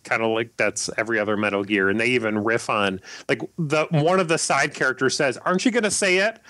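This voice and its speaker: A man hosting a casual podcast chat, rambling and halting with lots of fillers and restarts. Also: medium pitch, pushed and bright, dry recording. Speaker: podcast host.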